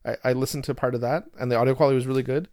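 Co-hosting a hobby podcast, a non-native English speaker chats in a relaxed, rambling manner, often restarting his sentences. He has a mid-range voice and talks at a racing pace. The studio recording is clean and dry.

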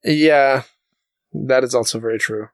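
A man's voice: medium pitch, unhurried, no echo. A man hosting a casual podcast, talking in a rambling way with fillers and restarts. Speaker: podcast host.

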